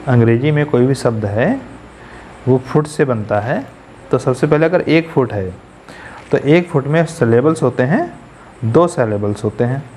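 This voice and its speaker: A man's voice: medium pitch, darkish tone, a little hiss or hum. A man teaching poetry as a class lecture, repeating key terms and putting questions to the students. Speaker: English teacher.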